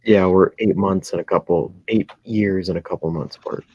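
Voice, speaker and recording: A husky-voiced man in his early twenties chatting casually, rambling and correcting himself. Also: low-pitched, normal speed, a little mellow, no room sound. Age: 20s. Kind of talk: casual chat. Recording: dry, dull lo-fi sound.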